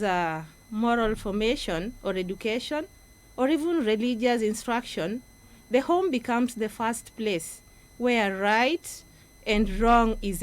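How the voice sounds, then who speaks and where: Slow-speaking Kenyan woman on radio. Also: a little high. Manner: earnest, instructive. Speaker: guest speaker, project coordinator. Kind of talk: radio talk presentation. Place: radio studio.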